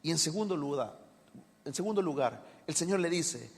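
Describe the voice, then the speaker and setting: A man's voice: a little high, animated, moderate pace, creaky, breathy edge. A male pastor preaching a dramatic, emphatic sermon in a church hall.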